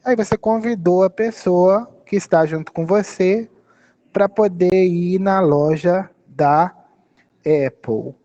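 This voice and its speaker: A man's voice: high-pitched, slow pace, warm tone, lo-fi sound. A man with a Brazilian Portuguese accent teaching English phrases, patiently repeating and spelling out words.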